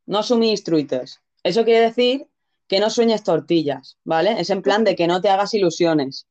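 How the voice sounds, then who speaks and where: A woman's voice: medium pitch, a little slow, a little mellow, highs cut off. A woman, casually explaining local expressions and laughing often. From Mallorca. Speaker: teacher of Mallorcan expressions. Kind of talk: casual chat.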